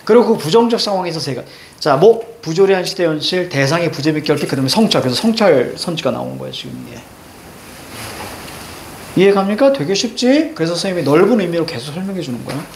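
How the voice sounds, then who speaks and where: A male teacher giving an online lesson, energetic, drilling his students with the same short questions again and again. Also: a little high, quick pace, vocal fry, a little hiss or hum. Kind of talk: online lecture.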